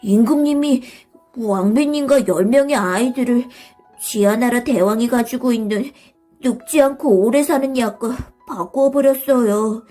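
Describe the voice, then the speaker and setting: A woman's voice: fairly high pitch, a little slow, mellow. A woman voicing a polite, loyal wind-up robot servant in a storybook, speaking formally and earnestly, over faint music.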